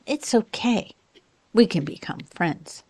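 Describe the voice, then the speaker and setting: A woman teaching an online pronunciation lesson as an accent coach, in a slow, deliberate, encouraging way. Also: medium pitch, lively intonation, darkish tone, husky.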